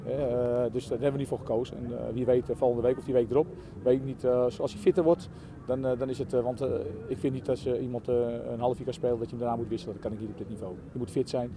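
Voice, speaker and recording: A man from the Netherlands, a football coach answering questions after a match, speaking haltingly with many fillers and restarts. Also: medium pitch, steady tone, background noise. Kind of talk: post-match interview.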